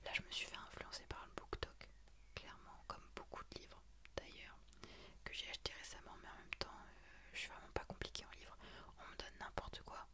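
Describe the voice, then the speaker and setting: A young adult woman talks about books in a hushed, breathy library-style ASMR whisper, pausing hesitantly as she goes. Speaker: ASMR creator. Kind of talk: whispered ASMR book chat.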